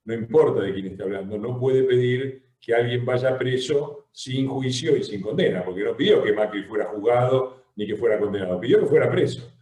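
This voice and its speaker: A man's voice: fairly low pitch, a little mellow. A man with an Argentine accent hosting a political talk show, arguing emphatically with frequent hesitations. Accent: Argentine Spanish. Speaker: host and legislator. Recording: roomy echo.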